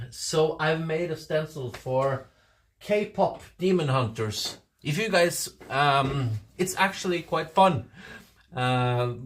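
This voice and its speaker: With a rather high, slightly bright voice, this Norwegian man in his forties hosts a livestream. He speaks to viewers with a Norwegian accent, rambling casually, frequently restarting and breaking into laughter.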